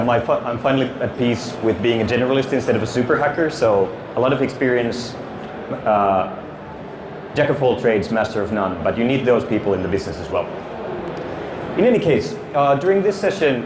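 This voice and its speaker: A middle-aged Finnish security consultant gives a casual presentation on a conference stage in an exhibition hall, talking into a handheld mic. His fairly low voice is full of fillers and restarts, and the hall is echoey with ambient noise.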